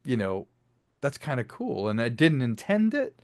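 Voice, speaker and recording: During a laid-back interview, a director and writer with a medium-pitched voice and moderate pace talks through his audio drama. He's animated, acts out quotes, and laughs between thoughts. The sound is studio quality with no room sound.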